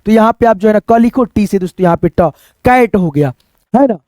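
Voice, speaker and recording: A man's voice: high voice, expressive, brisk, a little mellow, no echo. A man teaching English phonics, spelling out letters and repeating each word, asking the class and answering his own questions. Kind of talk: phonics lesson at a whiteboard.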